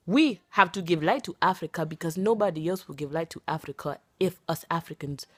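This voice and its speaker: A woman's voice: sits low, husky, no echo. A playful, dramatic woman from the United States in her thirties chatting casually in her vlog. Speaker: vlogger.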